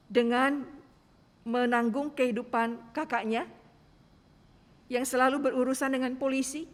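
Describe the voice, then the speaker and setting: High-voiced woman pastor preaching. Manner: earnest, emphatic narration. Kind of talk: sermon storytelling. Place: church. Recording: long church reverb.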